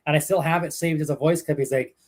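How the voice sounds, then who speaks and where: This young hockey broadcaster from Canada, a guest, answers interview questions in a fast, chatty storytelling style, leaning on many fillers and restarts. His Canadian English voice is on the high side, steady in tone and a little mellow.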